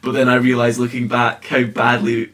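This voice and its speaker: A man's voice: medium pitch, monotone, moderate pace, a bit bright. A young man with a Scottish accent, chatting casually about films as a podcast host. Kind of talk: casual film chat.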